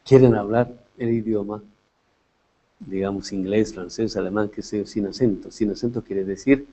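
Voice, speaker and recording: A man's voice: on the low side, fairly even intonation, moderate pace, dark tone, rough recording. A man giving a philosophy lecture in a reflective way, often tagging his points with questions and restarting his phrases. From Latin America.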